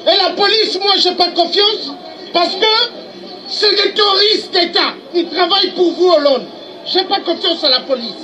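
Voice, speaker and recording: A man at a street protest delivering a defiant, accusing speech, shouting at times. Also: extremely high pitch, normal speed. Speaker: protester in a played clip. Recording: dull lo-fi clip, loud crowd and noise.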